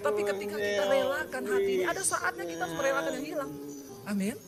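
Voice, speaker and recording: A middle-aged woman pastor preaching a sermon with a personal testimony, animated and lively, slipping into the voices of the people she quotes. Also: high voice, very fast, gravelly, loud music behind the voice. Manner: animated storytelling, mimics quoted voices, exclaims and laughs.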